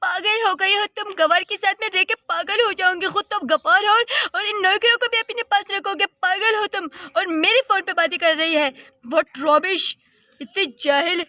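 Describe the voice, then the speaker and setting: A woman's voice: very high-pitched, moderate pace, sharp tone, no room sound. A woman voicing a spoiled, haughty young rich wife in a cartoon story, scolding and scornful. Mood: angry.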